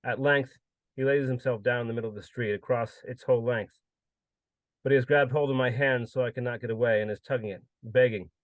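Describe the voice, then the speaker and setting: A man giving a measured, solemn reading of his own literary prose. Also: mid-range voice, fairly even intonation, no room sound. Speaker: contributor reading his story.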